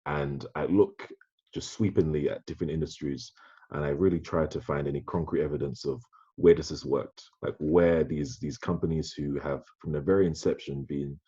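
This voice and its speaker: A man with a very deep, dark and husky voice hosts a podcast conversation. He talks thoughtfully and often restarts his sentences. The recording sounds dull and lo-fi. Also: moderate pace. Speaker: podcast host.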